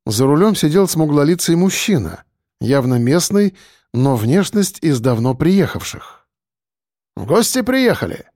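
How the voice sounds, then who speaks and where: Man narrating an audiobook, lively pitch. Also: a little slow, no room sound, clean studio sound.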